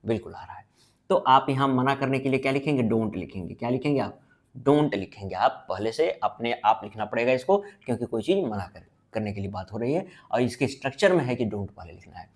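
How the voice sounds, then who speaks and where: Man teaching grammar, quizzing himself aloud. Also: mid-range voice. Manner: asks questions and answers them himself, repeating answers; drawn-out emphasis on example sentences. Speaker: English teacher. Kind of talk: blackboard grammar lesson.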